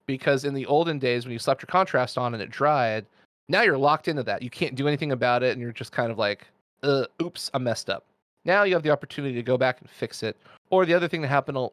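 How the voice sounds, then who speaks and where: A man's voice: medium pitch, a bit bright, no room sound. Chatty man explaining hobby painting tips. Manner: chatty, detailed explainer with asides and jokes. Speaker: guest miniature painter. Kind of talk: casual podcast chat, explaining technique.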